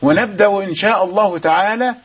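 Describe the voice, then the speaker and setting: High-voiced man chanting and teaching recitation. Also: slightly rough. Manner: explains quickly, chants verses in a drawn-out melodic way. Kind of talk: teaching recitation rules, chanting verses slowly. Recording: dull lo-fi broadcast sound.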